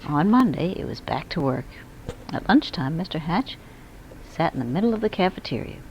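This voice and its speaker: Expressive woman reading a children's storybook. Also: low-pitched, moderate pace, a little hiss or hum, low-quality recording. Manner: expressive, acts out dialogue and emphasis. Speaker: school media specialist reading aloud. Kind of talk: children's storybook read-aloud.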